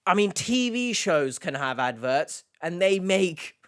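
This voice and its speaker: A man with a smooth, clear voice set a little high talks at an unhurried pace. He reads comments out sarcastically and replies with mock indignation, casually putting himself down in a dry comedic way. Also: very animated, fairly bright tone. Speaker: YouTube host reading out and answering hate comments.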